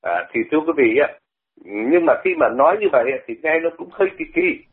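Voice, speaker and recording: A man's voice: a little high, expressive, quick pace. An older man from Vietnam, talking on the radio and explaining pronunciation in a conversational way, often repeating words to demonstrate them. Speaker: radio commentator. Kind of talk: radio talk, explaining language. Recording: phone-like radio line.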